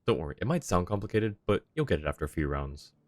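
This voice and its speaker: Late at night, a tired man streams a game, chatting casually in a low-pitched voice and talking fast. He sounds relaxed and mumbles, reading game text aloud, and the recording is dry.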